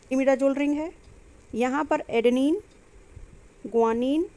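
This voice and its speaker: High-voiced woman teaching biology. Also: a little mellow. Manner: explains step by step, asking and answering her own questions; mixes in English terms and sentences. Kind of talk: exam-prep lecture.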